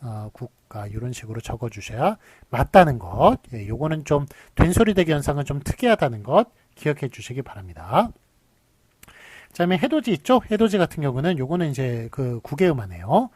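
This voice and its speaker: A man's voice: mid-range voice, sing-song, brisk, a little mellow, breathy edge, dry recording. A man giving a recorded university lecture, explaining step by step, asking rhetorical questions and using many fillers.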